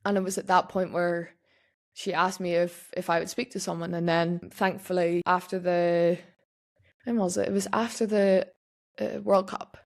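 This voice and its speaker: A woman's voice: on the low side, flat delivery, moderate pace, vocal fry. A young woman talking frankly and casually on a podcast, with lots of restarts and "like" fillers. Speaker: podcast host. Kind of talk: candid personal podcast talk.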